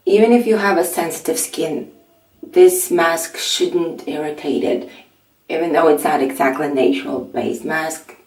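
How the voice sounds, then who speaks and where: A middle-aged woman with a raspy early-morning voice, chatting softly through a skincare tutorial and filling her pauses with "um". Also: low voice. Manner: soft-spoken, chatty, with frequent fillers. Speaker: beauty vlogger. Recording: echoey room, mic at a distance.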